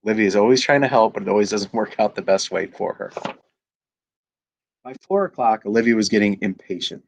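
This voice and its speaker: A man's voice: lowish voice, brisk, creaky, a little hiss or hum. Man reading a bedtime story aloud. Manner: relaxed, chatty asides between passages. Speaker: school superintendent.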